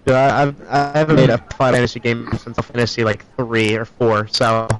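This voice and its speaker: A man on a voice call with a streamer, chatting in a halting, laid-back way and joking crudely. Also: mid-range voice, flat delivery, a little hiss or hum, low-quality recording. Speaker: friend on voice call. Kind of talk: casual chat.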